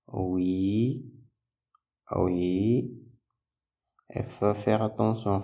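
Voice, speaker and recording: A man with a low, creaky, dark-toned voice teaches young children a phonics lesson. As a primary school teacher, he patiently sounds out syllables and words and repeats them.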